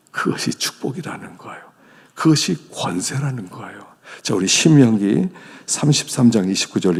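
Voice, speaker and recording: Middle-aged pastor guy preaching, gravelly husky voice, jumps loud then hushed, big church echo. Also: medium pitch. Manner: dramatic swings from loud exclamations to hushed whispers. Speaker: senior pastor. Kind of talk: sermon. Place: church sanctuary. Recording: long church hall reverb.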